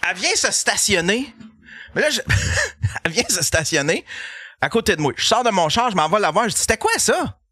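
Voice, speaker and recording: A man with a Québécois accent, a podcast host telling a comic story in an animated, profane way and laughing as he goes. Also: high-pitched, a little fast, pauses often, dry recording, clean studio sound. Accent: Québécois French.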